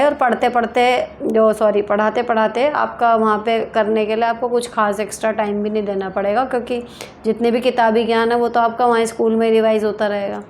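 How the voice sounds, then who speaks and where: A woman's voice: a little high, darkish tone, slight background noise. A woman hosting a casual advice talk, reading viewer questions aloud and answering them in a frank, direct way. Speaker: advice show host.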